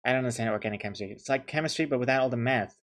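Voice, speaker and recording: He talks rapid-fire in a medium pitch: a young man from New Zealand casually chatting while he draws on stream. Along the way he jokes and thanks his viewers.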